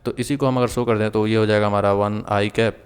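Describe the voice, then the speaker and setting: Male physics tutor, low pitch, smooth voice, long reverb, step-by-step explaining. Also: steady tone, fairly quick. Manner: explains step by step, often checks in with the viewer; mixes English terms and sentences into Hindi. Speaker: physics teacher. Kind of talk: online lecture.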